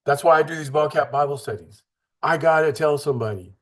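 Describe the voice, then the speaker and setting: A man's voice: a little high, brisk, a bit bright. A man teaching a casual Bible study in an earnest, conversational way, acting out the voices he quotes.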